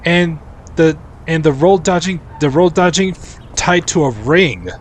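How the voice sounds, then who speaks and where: A man's voice: on the high side, measured pace, a little hiss or hum. A man in his forties chatting casually and rambling, restarting sentences while he live-streams a game. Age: 40s. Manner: rambling, animated, restarts often.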